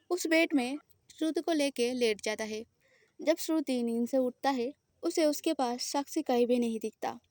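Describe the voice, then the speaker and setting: High-voiced woman narrating a story. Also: no room sound, studio quality. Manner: plain, steady storytelling.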